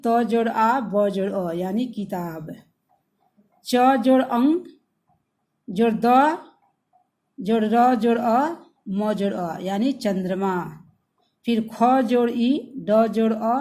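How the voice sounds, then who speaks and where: A woman teacher with a fairly high voice takes a recorded grammar lesson. She talks at a very unhurried pace, building each word up sound by sound, and speaks to her pupils as children. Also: warm tone. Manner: slow, spells words out letter by letter. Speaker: school teacher.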